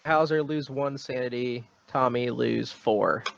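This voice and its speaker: A man's voice: mid-range voice, steady tone, unhurried, vocal fry, noisy background. A man running a tabletop horror game as game master, narrating in a hesitant, rambling way full of ums, on a dull lo-fi recording.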